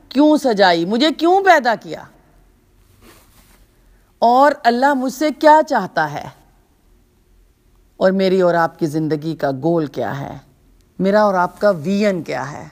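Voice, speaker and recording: A woman's voice: mid-range voice, a little mellow. A woman giving an Islamic lecture to young women. She talks in an emphatic, preacherly way, with rhetorical questions, repeated phrases and long spoken lists.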